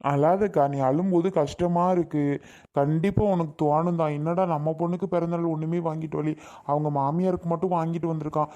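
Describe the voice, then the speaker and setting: A woman playing a young man who calms his crying older sister in a family skit, coaxing and reassuring. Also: deep voice, fairly quick, muffled recording, close to an everyday voice. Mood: soothing.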